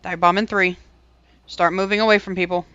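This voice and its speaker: High, bright-voiced man calling raid commands. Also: little pitch movement, smooth, no room sound, dull audio. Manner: brisk, barks short commands. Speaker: raid caller. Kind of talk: gaming voice chat.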